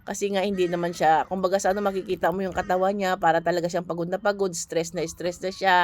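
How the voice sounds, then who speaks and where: A woman's voice: on the low side, flat delivery, quick pace. A woman from the Philippines working abroad, telling an earnest, conversational story straight to her viewers. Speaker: overseas worker and vlogger. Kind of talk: casual storytelling monologue.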